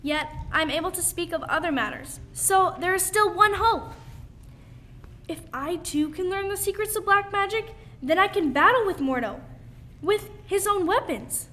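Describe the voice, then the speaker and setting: A woman's voice: extremely high pitch, moderate pace, sharp tone. A teenage girl playing an earnest, anxious woman doctor heroine in a school radio play, with dramatic, emphatic delivery. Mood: determined. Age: young teenager. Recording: faint background noise.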